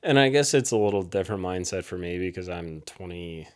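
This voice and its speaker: Mid-twenties man, relaxed podcast co-host, very deep voice, easygoing replies. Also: brisk, smooth. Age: 20s. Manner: laid-back, short agreeing replies. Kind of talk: casual chat.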